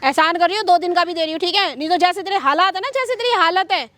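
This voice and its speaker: A woman's voice: very high-pitched, quick pace, pushed and bright. A woman playing an arrogant, domineering young daughter-in-law in an improvised family drama skit. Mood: scornful. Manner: rude, domineering. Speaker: actor in a staged prank skit.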